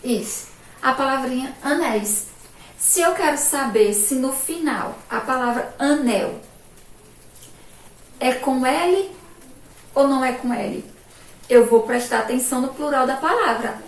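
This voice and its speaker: A female teacher with a Sergipe Brazilian accent, giving a remote lesson to children and drawing out each syllable emphatically. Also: high voice. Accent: Brazilian Portuguese, Sergipe. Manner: slow, drawn-out, emphatic syllables with frequent "ó" and "olha aqui". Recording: echoey room from far off, faint background noise.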